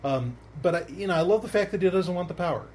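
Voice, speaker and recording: A man's voice: high voice, animated, quick pace, darkish tone, a little hiss or hum. A man hosting a podcast in casual chat, rambling with many fillers and restarts and laughing often. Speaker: podcast host.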